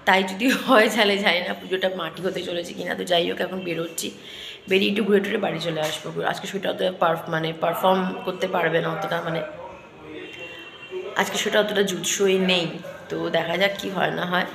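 A woman's voice: fairly low pitch, fairly even intonation, brisk, vocal fry. A woman chatting casually to viewers in a home vlog, her voice congested from a cold and a sore throat. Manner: chatty, talks to viewers while showing around. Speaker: vlogger. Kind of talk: casual daily vlog chat. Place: home kitchen. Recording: roomy echo, faint background noise.

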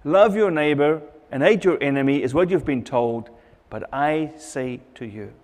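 A man's voice: on the high side, measured pace, darkish tone, long reverb tail. A middle-aged man preaching a sermon at a church pulpit, earnest and repeating phrases for emphasis, on a lapel mic. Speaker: pastor.

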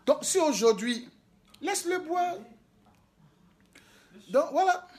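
A man's voice: extremely high pitch, expressive, slow pace. A man, a prophet filming a casual video diary in a hotel room on a handheld phone, telling stories animatedly with laughs and exclamations. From Côte d'Ivoire. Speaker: prophet and spiritual guide.

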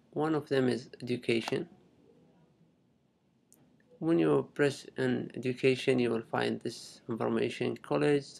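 A young man from Saudi Arabia, an international student whose first language is Arabic, records an unscripted screen tutorial, moving haltingly through each step in simple words with a Saudi accent. His medium-pitched voice is a little mellow and carries vocal fry.

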